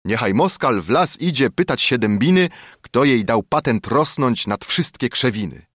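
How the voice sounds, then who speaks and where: A boastful nobleman with princely airs, as a male reader plays him, defiant and loud, his voice jumping high. The sound is dry and near. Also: expressive, normal speed, breathy edge, no echo.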